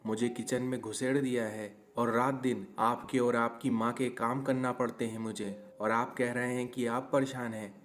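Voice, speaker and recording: A man voicing a quick-tempered young newlywed wife in a cartoon story, indignant and complaining. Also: medium pitch, natural voice.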